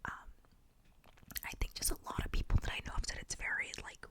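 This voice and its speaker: A woman in her early twenties with an American accent gives a casual, meandering whispered ASMR ramble very close to the microphone. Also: fairly quick. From Boston, New England, United States. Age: early 20s. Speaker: ASMR video creator.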